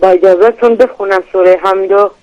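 A woman's voice: mid-range voice, steady tone, a little mellow, no room sound, muffled recording. A woman from Shiraz calling into a radio show, eagerly reciting and chatting over the phone. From Shiraz, Iran. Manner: rapid, eager, fervent. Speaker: caller. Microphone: phone line.

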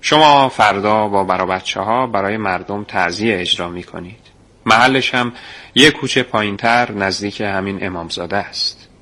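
A man voicing a calm, secretive grown man who speaks in a reassuring, confiding way. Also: on the low side. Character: calm secretive middle-aged man recruiting a boy.

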